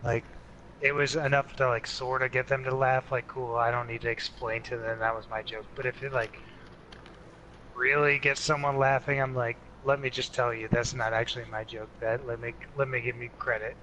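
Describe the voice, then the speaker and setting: Bright-voiced rambling man in his twenties. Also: mid-range voice, level tone, moderate pace, a little hiss or hum, low-quality recording. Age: 20s. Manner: rambling, fills with "like". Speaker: podcast co-host. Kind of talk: casual chat.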